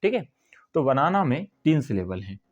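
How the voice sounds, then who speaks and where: A male teacher gives a whiteboard lesson at a mid pitch. He explains step by step and stretches words out syllable by syllable. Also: very animated, moderate pace, muffled recording. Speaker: English teacher.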